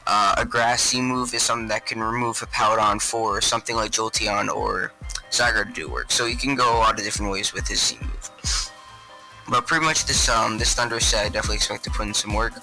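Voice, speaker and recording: A man's voice: on the low side, steady tone, brisk, sharp tone, faint music behind, rough recording. A man with a congested, stuffy voice, casually explaining his competitive game team in rambling commentary full of fillers. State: congested from a cold.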